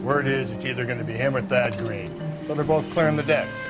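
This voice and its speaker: A man acts a surly, world-weary American homicide cop in a detective game. He is curt and dismissive at an ordinary male pitch. Loud music plays behind him. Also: a little fast, lightly acted. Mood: jaded, surly. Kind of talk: scripted video game dialogue.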